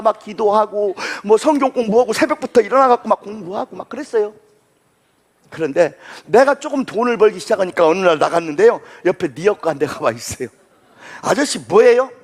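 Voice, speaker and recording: A man delivering a motivational lecture through folksy personal stories. His voice is high and swings widely. He tells it with dramatic, animated flair. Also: fairly quick.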